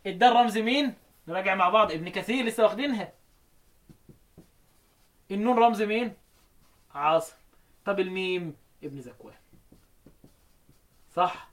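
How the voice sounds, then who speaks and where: Speaking with an Egyptian Arabic accent, a man gives a lesson on recitation readings. He asks questions and answers them himself, chanting the verses slowly, and his high voice has lively intonation and a fairly bright tone.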